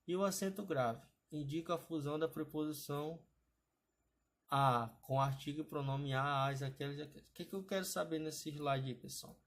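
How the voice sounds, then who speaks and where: A man's voice: a little high, moderate pace. Man teaching a grammar lesson. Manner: explanatory, adds frequent "tá, pessoal?" checks. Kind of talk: exam-prep grammar lesson over slides.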